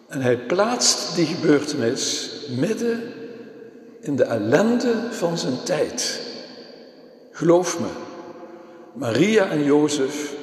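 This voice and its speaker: Slow-speaking man preaching in an echoey church. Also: on the high side. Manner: slow, measured storytelling. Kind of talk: Christmas sermon. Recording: echoey church with long reverb.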